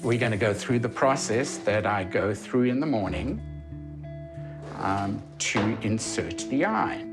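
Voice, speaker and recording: A man's voice: lowish voice, animated, a little slow, over music. A man of about sixty with a South African accent, frankly and wryly telling his story in a documentary interview. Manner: frank, wry, chatty. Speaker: prosthetic eye patient. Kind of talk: documentary interview and self-narration.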